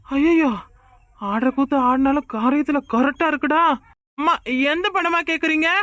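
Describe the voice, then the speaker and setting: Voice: high-pitched, moderate pace, fairly bright tone, no echo, clean studio sound. A voice actor doing a whiny drunken cartoon man. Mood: blustering. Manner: panicky, defensive, whining. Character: drunken man, cowardly and blustering. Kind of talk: cartoon voice acting.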